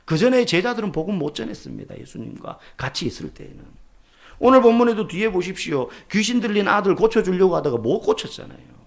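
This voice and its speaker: A man preaching a sermon as pastor, asking rhetorical questions and sometimes dropping to a soft near-whisper. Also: high voice, big pitch swings, quick pace, gravelly.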